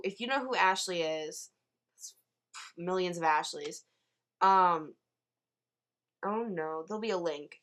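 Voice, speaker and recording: A teenage girl co-hosting a casual podcast chat, loud, blunt and teasing. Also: lowish voice. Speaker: podcast co-host.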